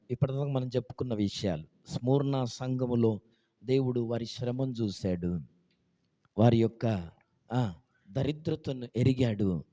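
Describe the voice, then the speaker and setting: A man preaching a sermon as pastor. He switches between quiet asides and loud, rising exclamations, and he questions the congregation. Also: medium pitch, big-room sound, highs cut off. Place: church hall.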